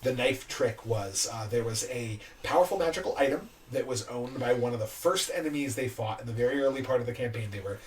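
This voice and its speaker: Relaxed man chatting on a podcast, off-mic. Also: mid-range voice, fairly quick, hardly any pauses. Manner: relaxed, explanatory, with fillers. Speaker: podcast co-host. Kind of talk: casual chat about tabletop game characters. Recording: distant mic with faint background noise.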